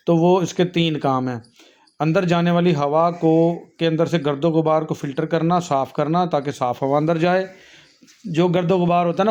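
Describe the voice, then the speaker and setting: Patient man teaching anatomy, flat delivery. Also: on the high side, muffled recording. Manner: patient, calls students "beta" often; frequent fillers and self-corrections. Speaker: nursing and health teacher. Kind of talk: classroom lecture with diagrams.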